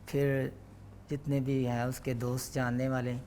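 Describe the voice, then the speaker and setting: Young male guest mimic, relaxed storyteller, middle pitch. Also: a little hiss or hum. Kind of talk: casual interview chat.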